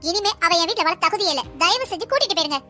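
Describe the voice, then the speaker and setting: A high, bright cartoon voice for a woman playing a sharp-tongued policewoman who argues fast and hard. The words tumble out with a tense, cutting edge. Soft music sits underneath. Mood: furious. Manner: argumentative, indignant. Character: sharp-tongued young policewoman, later an angry mother-in-law. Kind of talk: cartoon dubbing.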